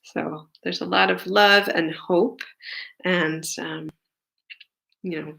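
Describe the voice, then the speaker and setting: A singer-songwriter woman sings gently at home with her ukulele, then talks earnestly about the song. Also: on the low side, steady tone, slow, vocal fry, low-quality recording. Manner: gentle, earnest, many fillers when talking. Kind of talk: singing with ukulele, then casual talk. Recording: ukulele playing loudly behind her.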